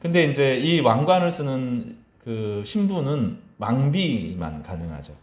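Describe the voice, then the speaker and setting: Animated Korean man preaching a sermon. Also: unhurried, echoey room. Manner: animated, acts out mocking voices and quotes; mixes loud rising quotes with soft low asides. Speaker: pastor. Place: church sanctuary.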